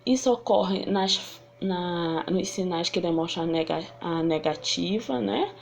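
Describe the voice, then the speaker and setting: A woman's voice: measured pace, creaky, a little hiss or hum. A woman teaching a sign language lesson, acting out example phrases and thinking aloud with restarts. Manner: acts out example phrases with lively shifts of pitch. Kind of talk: online lesson.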